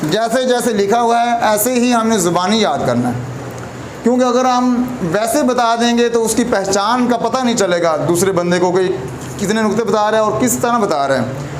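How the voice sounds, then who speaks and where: Male Quran teacher at a whiteboard, fairly high voice, patient and repetitive; echoey room, audible background noise. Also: normal speed. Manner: patient, repeats points, often checks with "theek hai". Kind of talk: whiteboard lesson on letter pronunciation.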